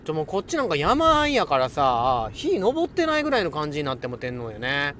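A man's voice: on the high side, huge pitch swings, quick pace, sharp tone, a little hiss or hum. Playful man chatting on stream. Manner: chatty, playful, laughs often, talks to listeners. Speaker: livestream host. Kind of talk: casual solo livestream chat.

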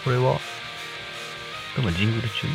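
A man hosting a casual community radio show, speaking politely and deferentially to listeners in a halting, apologetic way over guitar music. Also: medium pitch, gravelly, rough recording. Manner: halting, hesitant delivery. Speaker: radio host. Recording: music playing behind the voice.

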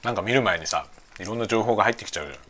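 A man's voice: on the low side, animated, rapid-fire, noisy background. A man in his forties rambling casually and musing aloud as he eats bread, often seeking the listener's agreement, chewing while talking. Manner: chatting while eating bread, mouth sometimes busy chewing. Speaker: streamer.

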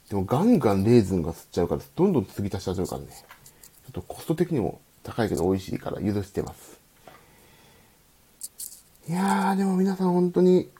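A man's voice: mid-range voice, dark tone, husky. A man hosting a late-night solo live radio stream, rambling and chatty, reading listener comments aloud and answering them.

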